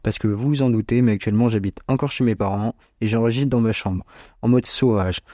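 Male podcast host, around 20. Soft-edged, relaxed tone, informal and chatty, close dry home recording. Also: mid-range voice, a little fast, dry recording. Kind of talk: scripted casual monologue. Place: small bedroom at parents' home, dry sound. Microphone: small home microphone.

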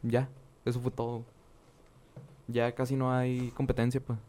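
Young guy w northern mexican accent, medium pitch, cohost talking games casually, swears a ton, heavy slang. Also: completely flat delivery, a little slow, mellow. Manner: slangy, profane. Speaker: podcast co-host. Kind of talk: casual chat about video games.

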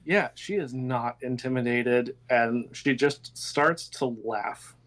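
A man's voice: medium pitch, takes it slowly, a bit bright. A man narrating a tabletop role-playing game as game master, talking casually with players.

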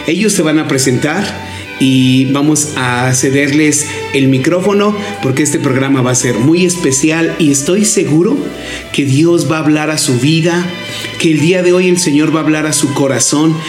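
Higher-pitched Mexican man hosting, roomy sound. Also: normal speed. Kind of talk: devotional welcome to listeners. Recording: roomy echo. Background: faint music.

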